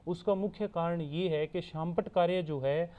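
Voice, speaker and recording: A man giving a steady explanatory online lecture as a teacher-training instructor, repeating points so students can take notes. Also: fairly high pitch, measured pace. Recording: tinny phone-like recording.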